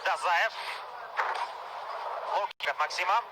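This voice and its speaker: A man doing live MMA commentary in a raised, animated voice. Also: sits high, slow. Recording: loud crowd and arena noise behind. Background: noisy fight crowd.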